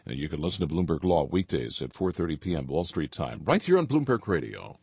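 American man, radio announcer, husky voice in a dry studio, scripted program credits. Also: extremely low pitch, sing-song, fairly quick, darkish tone, no echo.

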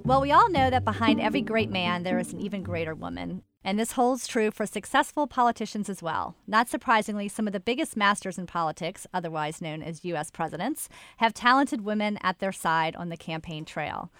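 A woman co-hosting a radio interview, asking questions and reading introductions in a measured way. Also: mid-range voice, animated. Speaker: radio co-host.

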